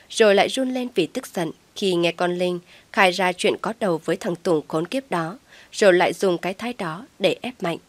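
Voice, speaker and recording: A woman narrating a story audiobook in a measured, even way, close to the mic. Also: on the low side, no echo.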